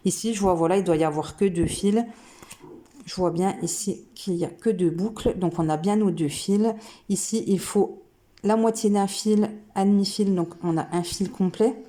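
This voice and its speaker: A woman's voice: medium pitch, steady tone, normal speed, dark tone. A woman hosting a craft video, chatting casually and enthusiastically as she unboxes cross-stitch kits, thinking aloud with many hesitations. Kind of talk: casual unboxing chat to camera.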